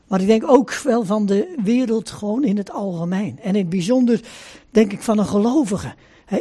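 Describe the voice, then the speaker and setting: A solemn male preacher with a husky, slightly breathy voice and a dark, mellow tone. He builds his points by repeating key phrases and adds little "hè" asides as he preaches slowly and deliberately. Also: high voice. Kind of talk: sermon with scripture reading.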